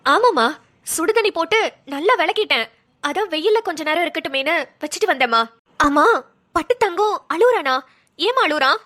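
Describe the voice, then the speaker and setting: A woman voicing a patient older mother-in-law in a cartoon, speaking gently and soothingly with fond endearments. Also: very high voice, normal speed, dry recording, clean studio sound, pitched below the performer's own voice, heavily acted. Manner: gentle, calming, endearing terms. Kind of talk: cartoon voice acting.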